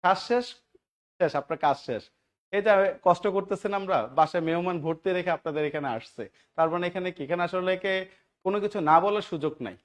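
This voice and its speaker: A man's voice: sits high, quick pace. A man from Bangladesh teaching a grammar lesson for job-exam students, who keeps asking the class short check questions and answering them himself. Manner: grows louder and more emphatic while stressing points.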